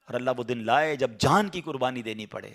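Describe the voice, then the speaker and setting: A man's voice: medium pitch, lively intonation, fairly bright tone. A male preacher telling a story in a sermon, emotional and full of rhetorical questions and exclamations.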